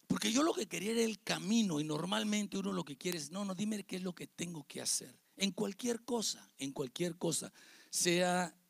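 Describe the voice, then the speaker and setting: A man's voice: on the high side, creaky, no echo. A man with a Mexican Spanish accent, a pastor giving an evangelical sermon to his congregation, emphatic and repetitive, with rhetorical questions. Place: church service with congregation.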